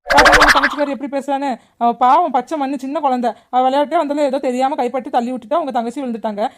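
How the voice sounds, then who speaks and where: A defensive daughter-in-law in a family cartoon, voiced by a woman. She speaks fast in a high voice and pleads her side insistently. She stands up for her daughter against the in-laws. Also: steady tone, very noisy, close to an everyday voice. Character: grown daughter-in-law, mother, defensive wife.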